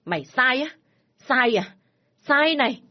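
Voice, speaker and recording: A woman's voice: sits high, lively intonation, slow, lo-fi sound, pitched above the performer's own voice, full character voice. Woman voicing a furious domineering old father. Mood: furious shouting. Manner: shouting, scolding harshly. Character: furious stern older village father, domineering.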